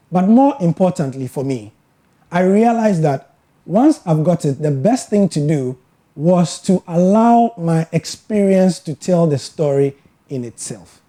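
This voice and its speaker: A Ghanaian sports broadcaster giving a scripted educational talk, telling his story in a measured, earnest way with emphatic pauses. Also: a little high, mellow. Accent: Ghanaian English.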